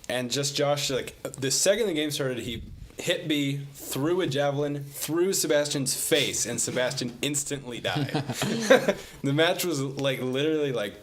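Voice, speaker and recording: A man's voice: medium pitch, lively intonation, unhurried, a little hiss or hum. A young man co-hosting a casual podcast chat about games with friends, laughing often and mimicking game sounds. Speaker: podcast co-host.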